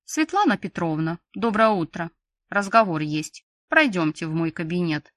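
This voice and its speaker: A woman's voice: lowish voice, expressive, normal speed, a bit bright, no room sound, studio quality, voice pushed down. A woman voicing a stern, grumbling school director. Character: stern, sarcastic female school director, middle-aged.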